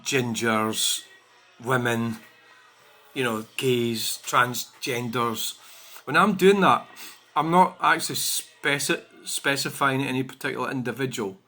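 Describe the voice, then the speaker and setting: A Scottish man hosts his own channel, ranting in a bright, forceful, mid-range voice at a slow pace. Indignant and freely profane, he picks apart viewer comments, stuffing his lines with fillers like "you know" and "I mean."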